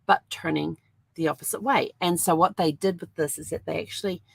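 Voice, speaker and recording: Low, gravelly-voiced woman chatting. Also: fairly quick, dry recording. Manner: rambling, chatty storytelling with many fillers. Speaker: host. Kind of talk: casual chat.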